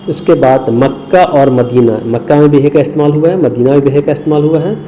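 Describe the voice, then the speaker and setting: A man's voice: a little high, warm tone, a little hiss or hum, rough recording. A man from India teaching Urdu script, patiently spelling out letters syllable by syllable and mixing English words into his explanations. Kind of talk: screen lesson.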